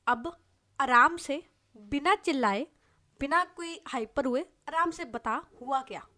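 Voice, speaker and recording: A woman voicing a calm young woman who comforts a friend softly and slowly. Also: on the high side, natural voice. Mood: soothing. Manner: soft, slow and calming.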